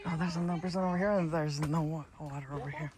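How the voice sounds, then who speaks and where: A woman's voice: low voice, steady tone, rapid-fire, crowd noise. Chatty woman vlogging in strawberry fields. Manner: chatty, rambling, switches into Spanish. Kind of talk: casual vlog narration.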